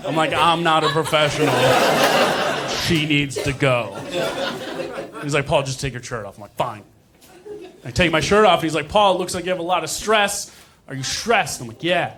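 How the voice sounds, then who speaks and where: A man's voice: fairly high pitch, expressive, moderate pace. A man doing self-deprecating stand-up comedy in a conversational way, acting out dialogue, with crowd laughter. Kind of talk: stand-up comedy storytelling to a live audience. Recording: noisy live comedy show, audience laughter.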